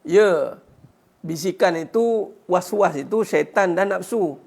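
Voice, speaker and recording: A man with a high, gravelly voice delivers a religious lecture. He speaks earnestly as a teacher, urging his listeners on. He drops a quick "ha" between points and poses rhetorical questions. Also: darkish tone.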